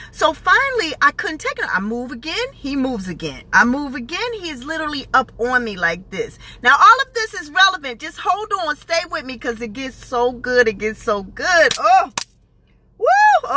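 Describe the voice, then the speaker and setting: A woman with a high, bright voice tells a personal story to viewers on a live stream. She talks casually and with animation, breaking off now and then to greet people who have joined. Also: low-quality recording. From New Jersey.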